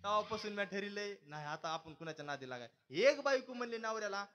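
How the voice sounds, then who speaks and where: Young high-voiced kirtan preacher. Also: male voice, lively intonation, fast talker, fairly bright tone, soft background music. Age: young adult. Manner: joking, asks the audience questions. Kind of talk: humorous devotional kirtan sermon.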